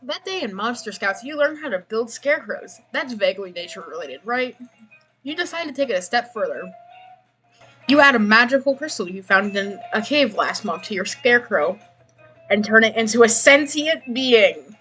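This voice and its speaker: A woman narrating a game by reading its text aloud in a breezy, deadpan way. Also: a little high, normal speed, faint music behind, poor audio.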